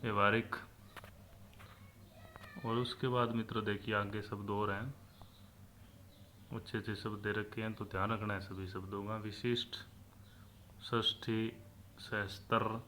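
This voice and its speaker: Male teacher, steady and even delivery, little pitch movement, walks students through spellings. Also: a little slow, pauses often, a little hiss or hum. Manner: steady explaining tone, often addressing listeners as friends. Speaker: Hindi exam teacher. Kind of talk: spelling lesson for exam aspirants.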